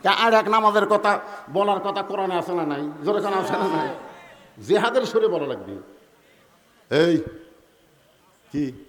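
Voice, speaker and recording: Man preaching a fiery sermon, high-pitched, keeps questioning the crowd. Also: expressive, measured pace, pauses often, fairly bright tone, in a large hall. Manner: impassioned, fires rhetorical questions at the crowd. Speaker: Islamic preacher. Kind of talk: Bengali waz sermon. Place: outdoor religious gathering.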